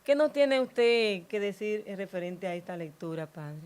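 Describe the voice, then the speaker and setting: A woman hosting a religious program, reading scripture aloud in a slow, devotional way and then asking the priest about it. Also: medium pitch, expressive, darkish tone, clear, resonant tone. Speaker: host.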